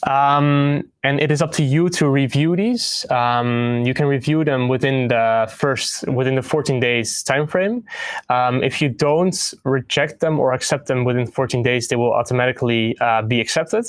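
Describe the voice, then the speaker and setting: Young male host, mid-pitched, halting delivery full of fillers, dry close sound. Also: no echo. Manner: hesitant, frequent ums and restarts. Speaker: host of a partner news livestream. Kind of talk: presenting product updates to camera.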